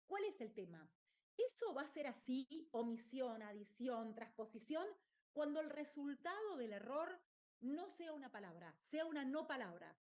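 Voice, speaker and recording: A woman's voice: sits high, very animated, normal speed, darkish tone. A woman teacher, explaining a lesson and often checking in with her listeners. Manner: explanatory, checks in with "¿está bien?". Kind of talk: online lecture.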